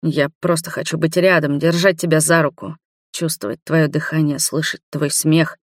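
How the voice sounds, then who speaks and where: A reader voicing an earnest older man, just out of hospital, pleading softly. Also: a little high, little pitch movement, normal speed, no echo, studio quality, natural voice. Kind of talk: audiobook dialogue.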